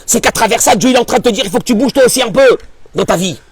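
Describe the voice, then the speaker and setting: A rabbi giving a Torah class in an emphatic, animated way, full of rhetorical questions. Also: male voice, very high voice, rapid-fire, vocal fry, slight background noise.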